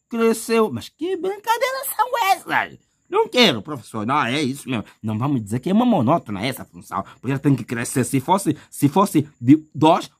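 A male math teacher with a slightly high, somewhat rough voice walks viewers through an exam one step at a time. He's chatty and repetitive, thinking aloud with fillers and calling the listener "meu irmão," or brother.

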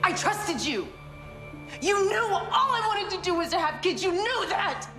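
A woman's voice: very high-pitched, sing-song, measured pace, roomy sound, over music, heavily acted. An actress playing a betrayed young wife confronting her husband in a film drama. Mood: angry. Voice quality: accusing, emotional.

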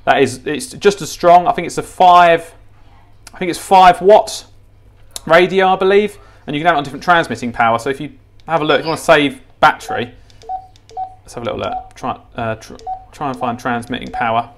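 A fairly high, fairly bright male voice comes at a fairly quick clip. This gadget how-to presenter works at a tiled kitchen counter indoors, giving a casual, unscripted tutorial where he repeats himself and talks through his thoughts.

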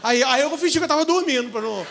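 Lively high-voiced Brazilian priest. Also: male voice, fast, creaky, background noise. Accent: Brazilian Portuguese. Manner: animated storytelling, acting out what people said. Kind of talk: humorous talk at a couples' retreat. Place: church event hall.

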